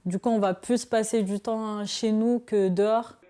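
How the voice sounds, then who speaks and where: A woman's voice: medium pitch, fairly even intonation, a little slow, over a noisy crowd. A young woman student answering interview questions casually, hesitant with many fillers. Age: young adult.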